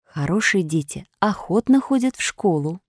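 Gentle fairy, read by a woman. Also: lowish voice, normal speed, dry recording, clean studio sound. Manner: calm, soft, instructive. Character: kind grown-up fairy woman, gentle and patient.

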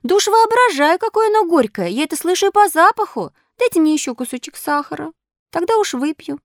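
Pinocchio, a woman doing a shrill whiny wooden boy. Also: sing-song, a little fast, no echo, studio quality, full character voice. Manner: whining, pleading, shrill. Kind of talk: storybook reading.

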